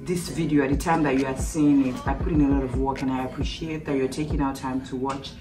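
A woman's voice: a bass voice, fairly even intonation, fast. A woman in her thirties giving a heartfelt, emotional goodbye in casual vlog talk to the camera from a few steps away indoors. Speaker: vlogger. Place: small room by a door, indoors. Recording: distant mic, music behind.

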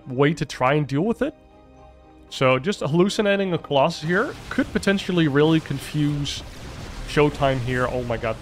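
A man casting a strategy game on his own, calm play-by-play that jumps up in pitch at big fights. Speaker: esports caster. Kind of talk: solo play-by-play commentary.

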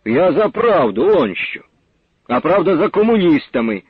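A man voicing a ragged peasant soldier who speaks calmly and plainly. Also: on the high side, normal speed, husky, no echo, narrow, tinny audio, full character voice. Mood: steadfast.

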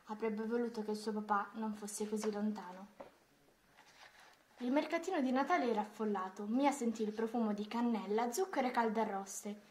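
A woman reading a children's Christmas story aloud, in a gentle, expressive way. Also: fairly high pitch, moderate pace, slight background noise.

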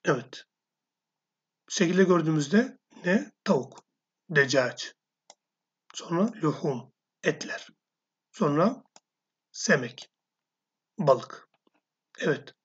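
A woman teaching a language lesson. She reads each word slowly, then repeats it or gives its meaning. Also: low-pitched, animated, breathy edge. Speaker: Arabic teacher. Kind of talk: recorded language lesson reading vocabulary. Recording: dull lo-fi sound.

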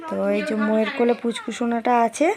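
Hoarse middle-aged woman, chatty phone vlogger, a bit high-pitched. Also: level tone, quick pace, crowd noise. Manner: chatty, walking and pointing things out. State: hoarse from a cold. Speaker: family vlogger. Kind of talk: casual vlog narration.

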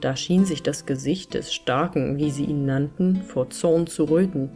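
A woman reading an old fairy tale aloud as an audiobook, with calm, measured narration. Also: sits low, faint music behind. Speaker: storyteller.

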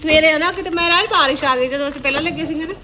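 High-voiced woman, noisy vlog. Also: very fast. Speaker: family vlogger, mother. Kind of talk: casual home vlog chat. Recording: clearly noisy home phone recording.

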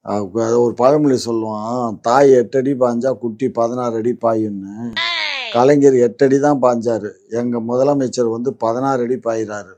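A man's voice: mid-range voice, fairly even intonation, moderate pace, warm tone. A man answering interview questions for his party in a defensive, scolding, emphatic way. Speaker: party spokesman. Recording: noisy interview recording.

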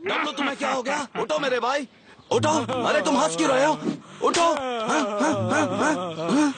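A man's voice: very high-pitched, moderate pace, over a noisy crowd. A man voicing a big cartoon bear, a fretful older brother who keeps calling out anxiously. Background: loud cartoon music.

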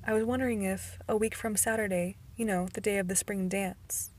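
A woman reading the lines of a calm, teasing teenage boy in a storybook, in a quiet and even voice close to her own. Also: mid-range voice, normal speed, lightly acted.

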